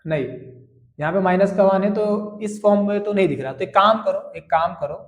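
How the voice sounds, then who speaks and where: High-voiced maths tutor. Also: male voice, normal speed, dull audio. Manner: asks and answers his own questions, calling students bhaiya and beta. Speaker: maths teacher. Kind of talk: board-exam tutoring lesson.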